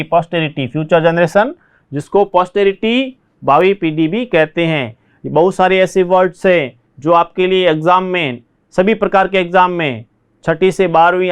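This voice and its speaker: An Indian man with a Rajasthani Hindi accent, teaching an online spoken English lesson. He drills each word slowly and repeats it, then explains it in Hindi, and tells his students to write their answers quickly. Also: fairly high pitch, smooth.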